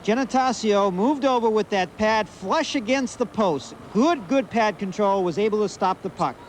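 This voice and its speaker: High-voiced hockey analyst, noisy rink. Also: male voice, expressive, moderate pace. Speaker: sports color commentator. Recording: noisy ice rink broadcast. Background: rink noise.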